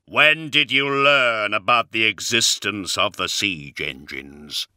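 A massive armoured warlord, as a male narrator puts him on, with a deep rumbling voice that is very low and gravelly. He speaks slowly and gravely, with a forceful bright edge. The recording is dry and close. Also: dry recording, heavily acted.

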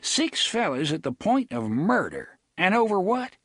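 A man voicing a fat, hungover small-town sheriff who talks in a folksy rustic dialect and scolds loudly. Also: high-pitched, big pitch swings, measured pace, breathy edge, no echo, clean studio sound, pitched above the performer's own voice, full character voice. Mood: scolding.

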